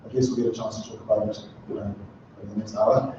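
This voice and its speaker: Middle-aged man, panel guest, halting with ums; dull, echoey recording. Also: fairly low pitch, level tone, noisy background. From southern Africa. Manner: thoughtful, many ums and restarts. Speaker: panel guest, sustainability consultant. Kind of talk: talk at a live event. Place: event room with an audience. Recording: echoey, distant, muffled room recording.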